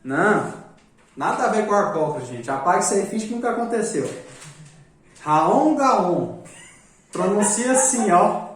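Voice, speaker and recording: A chatty man teaches in a loose, joking way. His voice sits a little high for a man. He is picked up from a distance in a very echoey room. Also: expressive, fairly quick. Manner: joking, chatty, repeats "né?" often. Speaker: magic course teacher. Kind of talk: casual live class talk.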